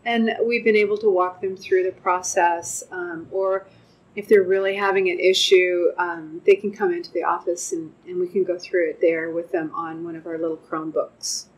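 Older woman, kinda low voice, talking through a testimonial with lots of ums, lapel mic in a wood-paneled room. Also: flat delivery, husky, rough recording. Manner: measured, frequent "um" pauses. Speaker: clinic manager giving a customer testimonial. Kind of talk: unscripted testimonial answers. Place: wood-paneled room with large windows, indoors.

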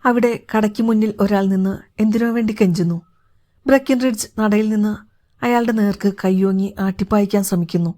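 A woman narrating a classic detective story as an audiobook reader, reading in a steady, even way. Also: medium pitch, fairly quick.

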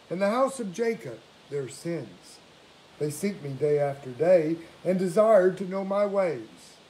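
Solemn older male priest, fairly high voice. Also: dark tone, low-quality recording. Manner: solemn, measured, formal delivery. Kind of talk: liturgical prayer and scripture reading. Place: small domestic room indoors. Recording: faint background hiss, home recording.

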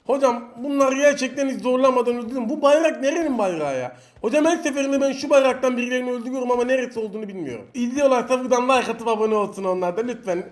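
A man commentating his own mobile battle royale match in Turkish-accented speech, excitable and taunting the opponents he fights. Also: very high voice, rapid-fire, hardly any pauses. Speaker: mobile game streamer. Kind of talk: live gameplay commentary.

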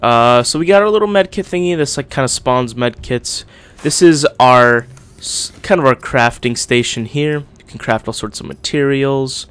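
The audio is clean as a young gaming YouTuber narrates a casual let's-play in a mid-range, fairly bright voice. He's getting over being sick, so he's slightly congested, and his lip is swollen.

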